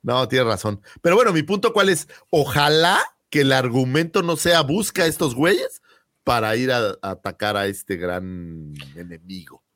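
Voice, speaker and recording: A man's voice: medium pitch, lively intonation, moderate pace, fairly bright tone, dry recording, clean studio sound. A man with a Mexican accent co-hosting a casual podcast chat, joking and slangy. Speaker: podcast co-host.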